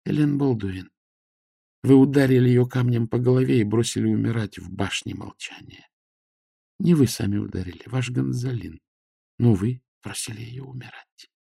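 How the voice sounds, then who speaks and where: A man voicing a gravely wounded young woman who speaks weakly but clearly, in a faint, halting way. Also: mid-range voice, dark tone, dry recording, clean studio sound, pitched above the performer's own voice. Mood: weak, tender. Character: dying young woman, weak and tender.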